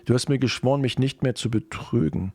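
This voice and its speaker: A man's voice: mid-range voice, fairly quick, a little mellow, breathy edge, dry recording. Cold vengeful girlfriend, as a man puts her on. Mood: menacing. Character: jealous, vengeful young woman, cold and menacing.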